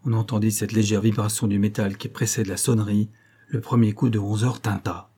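A male audiobook narrator reading a novel in a steady, measured voice. His voice is low and dark, with a husky texture.

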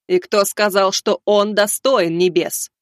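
A towering divine judge with a raised, otherworldly voice, handing down slow and unbending verdicts, as a man puts her on. She is cold and commanding, and the sound is dry. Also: high voice, dry recording, pitched above the performer's own voice. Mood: stern. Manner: slow, measured, commanding pronouncements.

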